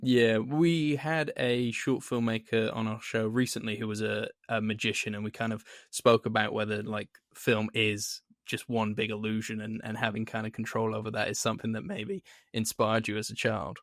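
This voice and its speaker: A man's voice: on the low side, little pitch movement, moderate pace, few pauses, no echo, studio quality. A man hosting a film podcast, asking interview questions in a friendly way with short affirmations. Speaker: podcast host.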